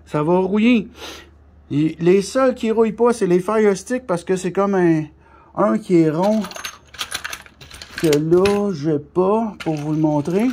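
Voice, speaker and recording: A man with a high-pitched, warm voice talks slowly through an unscripted product demonstration for a CB radio shop. His Québécois French accent comes with blunt, colloquial, mildly crude phrasing.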